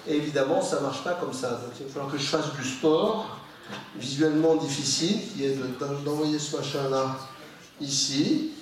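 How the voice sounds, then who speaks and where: A man lecturing to a public audience in a slightly high voice, lively and informal, given to asides and muttered remarks. He sounds far from the microphone. The sound rings around a large, very echoey hall. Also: normal speed. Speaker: professor giving a public lecture.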